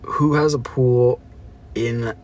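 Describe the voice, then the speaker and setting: A man's voice: mid-range voice, steady tone, slow, darkish tone. A Canadian man chatting playfully with viewers during a livestream. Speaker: livestream host. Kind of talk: casual chat with viewers. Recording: distant mic with street noise.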